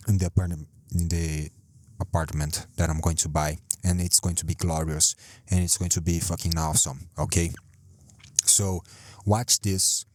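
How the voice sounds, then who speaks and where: A man with a deep, darkish voice is captured on a dry recording. He hosts a solo podcast from home, rambling, self-deprecating, cursing often and repeating himself, speaking close into a home mic that sometimes ends up too close.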